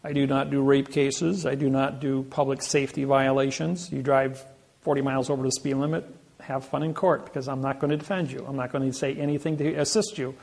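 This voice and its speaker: A man's voice: mid-range voice, little pitch movement, brisk, gravelly, darkish tone. An older man giving a seminar talk, telling boastful stories with many restarts and false starts. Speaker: seminar speaker. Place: seminar room.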